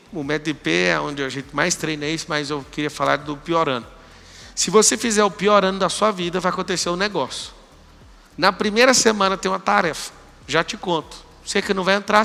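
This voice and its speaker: A Brazilian motivational speaker addressing a live audience in a large hall, talking with energy and command and acting out exchanges with students. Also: male voice, a little high, vocal fry, sharp tone. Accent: Brazilian Portuguese.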